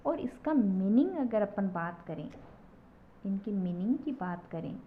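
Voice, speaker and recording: A woman teacher slowly explaining poetry to a class, repeating key terms and often checking "okay?". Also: mid-range voice, expressive. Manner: slow, repetitive explaining with frequent checks of "ठीक है". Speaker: English literature teacher. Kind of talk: classroom lecture. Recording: dull lo-fi recording with faint noise.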